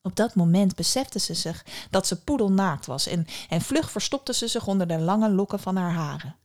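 Calm woman reading a fairy tale. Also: medium pitch, normal speed. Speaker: storyteller.

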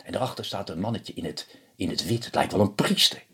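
A man telling a fairy tale, animated, with hushed dramatic pauses. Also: deep voice, husky. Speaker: storyteller.

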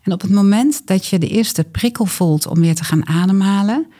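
A woman with a soft, breathy voice calmly giving unhurried instructions for breathing exercises, as a guest breathwork coach. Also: mid-range voice.

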